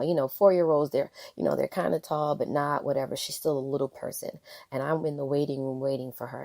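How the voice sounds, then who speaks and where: A woman hosting a podcast, telling a personal story in an earnest, halting way with many restarts. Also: extremely low pitch, darkish tone, dry recording. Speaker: podcast host.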